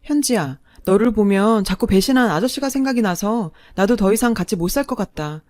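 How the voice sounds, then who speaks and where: A woman voicing a cold, detached young husband who speaks quietly and flatly, in a storybook reading. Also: medium pitch, brisk, no echo, natural voice.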